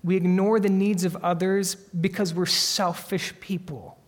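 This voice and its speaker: A man's voice: sits high, fairly even intonation. Earnest preaching man in a reverberant hall. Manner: earnest, emphatic preaching with slow dramatic pauses. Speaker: pastor. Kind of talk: sermon.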